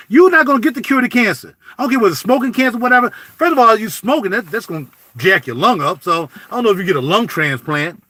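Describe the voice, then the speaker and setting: A man talks to camera in a casual vlog, preaching in animated street talk with big swings of pitch. His voice sits high and sounds bright and forceful. The recording is dry and close to the mic. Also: no room sound. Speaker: YouTube vlogger. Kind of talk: casual spoken commentary.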